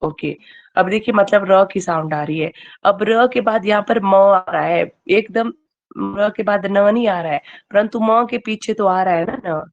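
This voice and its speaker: A woman's voice: medium pitch, a little slow, muffled recording. A woman teacher giving an online grammar class. She keeps quizzing her students and checks in with "okay" as she goes.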